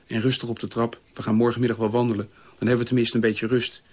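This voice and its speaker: A man's voice: mid-range voice, level tone, quick pace, close to an everyday voice. A man doing a weary, stern mother. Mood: soothing. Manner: stern, hushed. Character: weary, strict mother protecting her sons.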